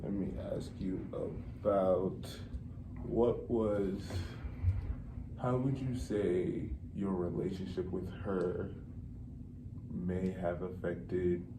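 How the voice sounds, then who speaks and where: A man with a very deep voice plays the counselor in an intake role-play. He is calm and gently probing, and keeps the talk moving with steady acknowledgments. Clear background noise runs under the recording. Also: very slow.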